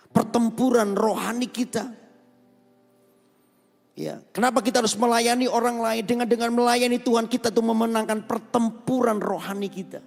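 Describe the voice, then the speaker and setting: Pastor preaching, raspy high voice, big echoey hall w some music. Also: male voice. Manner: animated storytelling, emotional. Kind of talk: sermon. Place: large venue, rooftop church service.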